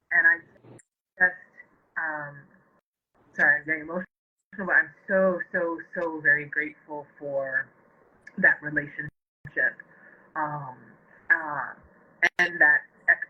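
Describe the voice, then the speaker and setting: A woman's voice: sits low, slightly rough, narrow, tinny audio. A woman hosting a podcast interview, heartfelt and open, talking in long, rambling sentences. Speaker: podcast host. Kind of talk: casual interview talk.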